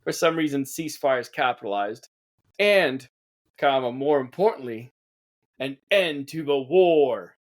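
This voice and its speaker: A man's voice: mid-range voice, lively intonation, measured pace. A man co-hosting a casual satirical news podcast, sarcastic and laughing often. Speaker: podcast co-host.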